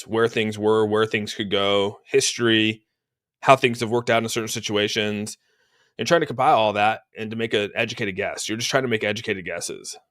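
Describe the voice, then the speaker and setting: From a room in his home, a man with a fairly low pitch and a fairly bright tone hosts a crypto livestream. He wanders through casual chart commentary and responds to live chat in a laid-back manner, slightly congested and fond of saying "dude."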